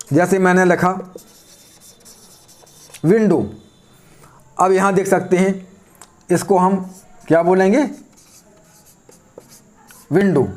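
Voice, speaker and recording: High-voiced man teaching grammar. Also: a little mellow. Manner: repeats questions to the class and answers them. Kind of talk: grammar lesson.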